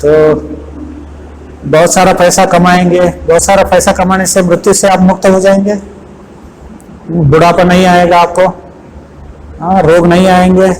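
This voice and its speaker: A man giving a devotional scripture lecture. He chants verses slowly and asks his listeners rhetorical questions. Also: sits high, low-quality recording. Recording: faint background noise.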